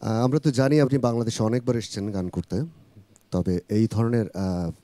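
Male TV host, low mellow voice, dry close sound, formal and polite. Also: steady tone, normal speed, dry recording. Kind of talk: TV studio interview. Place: TV studio.

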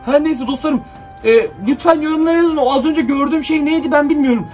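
A man's voice: very high voice, fast talker, a little mellow, recorded from a distance. A young man making a drone video, telling his viewers nervously about something strange he sees and muttering orders at the drone. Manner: frightened, jittery, talks to viewers, mutters commands to the drone. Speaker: YouTuber. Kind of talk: excited horror-drone vlog. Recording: voice from off the mic, light music behind.

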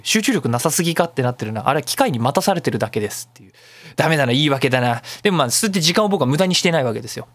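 This radio show host's voice sits on the high side, with no echo in the sound. Talking solo and casually, he rambles through long, chatty explanations sprinkled with self-deprecating jokes.

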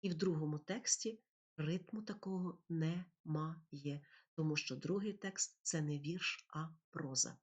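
A woman teacher narrating a lesson over slides, speaking slowly and clearly as she explains poetry and meter. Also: sits low, muffled recording. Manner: slow, clear, explanatory delivery with recited verse.

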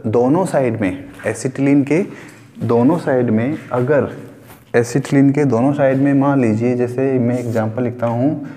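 A male chemistry teacher talks through an online lesson, speaking Hindi with English terms mixed in. He repeats key words and asks the class questions. His voice is dark and mellow, with a long reverb trailing behind it. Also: mid-range voice, normal speed.

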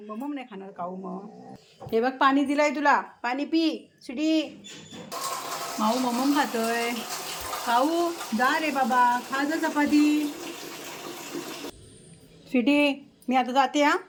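High-pitched woman cooing to her pets. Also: slow pace, pauses often, noisy background. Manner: coaxing, sing-song baby talk to animals. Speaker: vlogger feeding animals. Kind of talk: casual talk to pets and crows.

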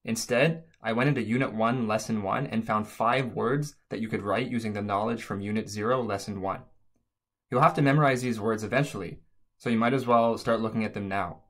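A man's voice: fairly low pitch, fairly even intonation, a little fast, fairly bright tone. A man narrating an instructional language lesson as a teacher, explaining things step by step.

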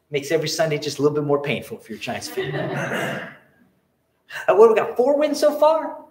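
A middle-aged man lectures on law with a faint New York accent. His voice sits fairly high and carries the echo of a roomy space. He talks in a chatty way, often wandering off topic with wry, self-mocking jokes. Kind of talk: explanatory lecture with wry asides.

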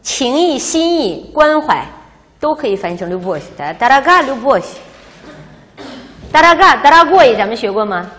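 A woman teaching a language class, explaining words and quizzing her students in a lively way, recorded in a classroom. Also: sits high, moderate pace. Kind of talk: classroom lecture. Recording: reverberant classroom.

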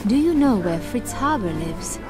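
A poised glamorous spy. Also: female voice, fairly high pitch, big pitch swings, moderate pace, music in the background. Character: glamorous female spy, bold and determined. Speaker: game heroine. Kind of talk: adventure game voice acting.

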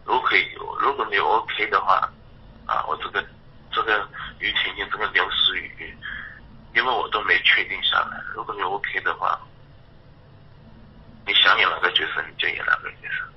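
A man's voice: deep voice, normal speed, pauses often, breathy edge. A man, a film director, talking casually and persuasively over a landline phone with offhand chuckles. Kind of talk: casual private phone call. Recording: dull, muffled phone line.

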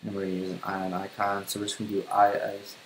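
Low-voiced man thinking aloud over code. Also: completely flat delivery, fast. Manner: casual, thinking aloud while typing. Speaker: coding tutor. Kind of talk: screencast coding tutorial. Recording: roomy home recording with faint hiss.

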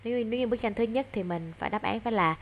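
A woman with a Vietnamese accent tutoring a child in English online, encouraging and slowing down to model English words clearly. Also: a little high, narrow, tinny audio.

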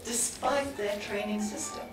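A woman with a South African English accent speaking directly and briskly on a conference panel. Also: mid-range voice, over music. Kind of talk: panel discussion. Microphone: handheld mic. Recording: very echoey hall, distant, background noise.

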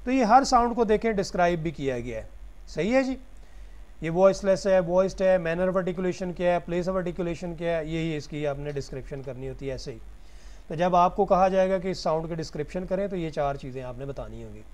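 A man's voice: on the high side, brisk, a little mellow. A man giving a recorded lecture, explaining each point step by step and answering his own questions.

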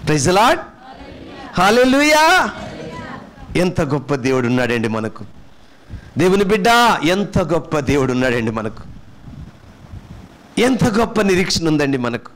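A man preaching with a Telugu accent, questioning his congregation and swinging between loud and soft passages. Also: fairly high pitch, sing-song, measured pace, pauses often. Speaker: pastor. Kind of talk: sermon.

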